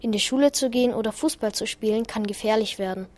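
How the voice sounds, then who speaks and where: A woman reading a scripted school radio report clearly. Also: fairly high pitch, fast talker.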